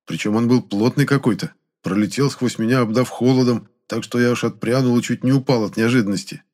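A man reading a first-person audiobook in a steady storytelling manner. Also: medium pitch, a little fast. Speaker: audiobook narrator.

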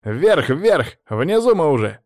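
A man's voice: on the high side, very animated, slow, dry recording, studio quality, pitched above the performer's own voice, exaggerated voice. A man voicing a panicky, strained fourth-year male student mage straining to hold a spell in an audiobook. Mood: panicked. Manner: panicky, whiny, strained shouting. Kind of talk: audiobook character voice.

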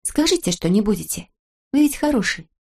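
A woman voicing a kind little girl who speaks softly and coaxingly, as in a storybook. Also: mid-range voice, sing-song, a little fast, vocal fry, pitched above the performer's own voice. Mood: gentle. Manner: soft, coaxing and affectionate. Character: gentle, kind little girl comforting a friend.

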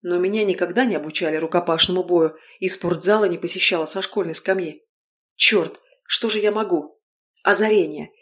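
Reading a first-person fantasy novel as an audiobook, a woman with a voice on the low side narrates wryly and with energy. She tosses quick asides to the listener along the way.

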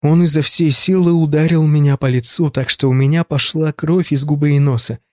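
A man narrating a first-person audiobook in an even, steady storytelling manner. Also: on the high side, brisk, no echo, clean studio sound. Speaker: audiobook reader.

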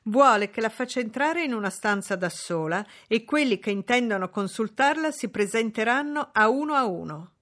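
A woman's voice: a little high, animated, moderate pace, hardly any pauses, a bit bright, pitched above the performer's own voice. A woman reading an audiobook, voicing a flustered, deferential male footman. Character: nervous male footman servant.

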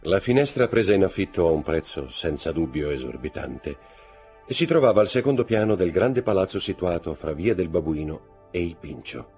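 Husky, expressive male audiobook narrator. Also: deep voice, moderate pace, faint music behind. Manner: dramatic, expressive reading. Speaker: audiobook reader. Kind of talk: scripted narration.

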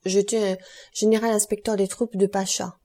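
A woman's voice: medium pitch, little pitch movement, normal speed, mellow, close to an everyday voice. A woman voicing a stiff, guarded middle-aged general in an audiobook.

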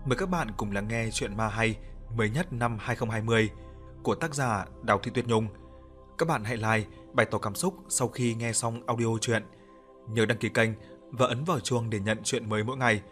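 A man hosting and reading a ghost story aloud in a calm, steady narration. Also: mid-range voice, moderate pace, soft background music. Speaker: storyteller and channel host.

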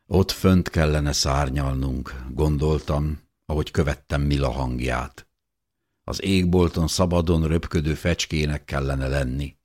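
A man reading a first-person audiobook in a steady, measured way. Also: very deep voice. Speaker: audiobook narrator.

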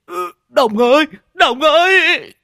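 A man voicing a rowdy bald old man in an audio story, yelling in high alarm. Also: animated, slow, full character voice.

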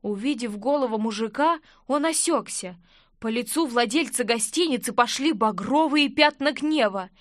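A woman reading a first-person fantasy audiobook in a lively, expressive way. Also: a little high, moderate pace, no room sound, studio quality. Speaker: audiobook narrator.

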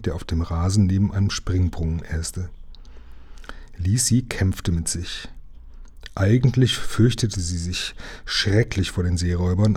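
Low, husky man reading a children's story. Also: warm tone. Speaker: reader of a children's book.

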